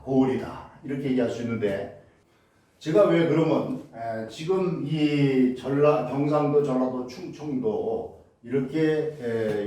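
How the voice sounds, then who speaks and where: A man's voice: mid-range voice, mellow. A male lecturer giving a public humanities talk, posing rhetorical questions and answering them himself, with many filler sounds. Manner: frequent filler sounds and restarts. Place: lecture hall. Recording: very echoey hall, distant mic.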